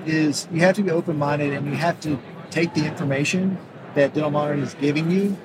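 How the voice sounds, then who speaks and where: A man's voice: a little high, steady tone, quick pace. A man, an orthodontist, speaking earnestly in an interview and explaining his ideas through everyday analogies, recorded on an exhibit hall floor. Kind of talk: conversational interview. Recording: noisy trade show hall.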